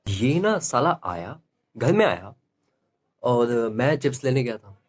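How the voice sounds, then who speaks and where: A teenage male stand-up comedian telling rambling school stories in an animated, laughing way. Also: medium pitch, slow. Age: teens.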